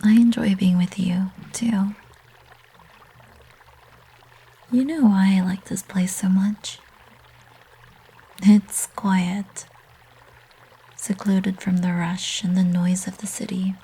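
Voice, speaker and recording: Woman as a breathy, flirty succubus, ASMR role-play. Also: mid-range voice, steady tone, slow pace, long pauses, full character voice. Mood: tender, shy. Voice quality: breathy, soft. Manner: teasing, intimate, coaxing.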